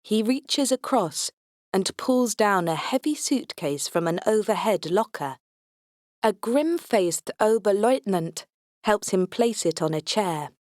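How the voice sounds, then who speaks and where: A woman's voice: medium pitch, a little mellow, no echo. A woman reading an audiobook in first person, with a dry, wry, understated delivery. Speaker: audiobook narrator. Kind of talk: first-person scripted narration as a robot agent.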